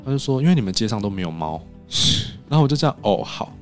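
Man, casual podcast storytelling, rapid delivery, studio recording, faint music underneath. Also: on the low side. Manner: animated, acts out quoted dialogue.

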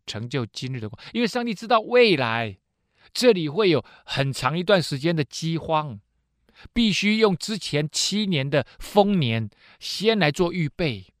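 A man's voice: on the high side, dry recording. Man teaching Bible stories, dry close sound. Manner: lively storyteller who acts out quoted speech; chatty, with drawn-out filler particles. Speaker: host of a Bible teaching program.

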